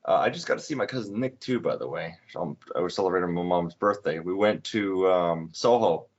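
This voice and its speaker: A man in his twenties hosting a casual podcast chat, talking in halting bursts with many restarts. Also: low-pitched. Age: 20s. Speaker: podcast host. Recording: dull lo-fi recording.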